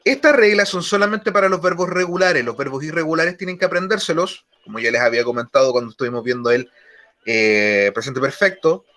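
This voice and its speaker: Bright-voiced male teacher, slow and deliberate. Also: a little high, lively intonation. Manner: slow, deliberate explanation, repeats key words. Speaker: English teacher. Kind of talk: online grammar lesson.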